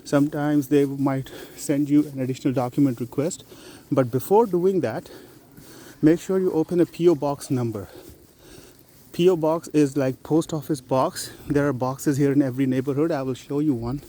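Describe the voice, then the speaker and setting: A man's voice: a little high, steady tone, moderate pace, warm tone. A man walking outdoors through a neighborhood, giving practical tips in a chatty, explanatory vlog style. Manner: conversational, explanatory, with fillers. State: out of breath on an incline. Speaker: vlogger giving newcomer tips. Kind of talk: casual vlog talk while walking.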